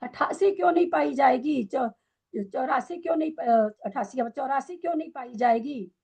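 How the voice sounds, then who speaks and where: A woman's voice: sits high, moderate pace, creaky, darkish tone, husky. A woman teaching a scripture study class, quizzing and scolding her students with pointed questions.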